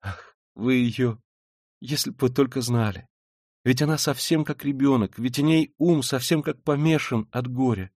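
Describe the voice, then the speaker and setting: A man reading an audiobook, voicing a timid, pious young woman who talks in a hurried, pleading way. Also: mid-range voice, a little mellow, no echo, studio quality, voice pushed up, lightly acted. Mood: anguished. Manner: hurried, breathless, rising into agitated pleading.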